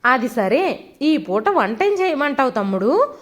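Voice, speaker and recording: Woman reading as an older widow, gentle, calm, high voice. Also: a little slow, heavily acted. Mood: mild.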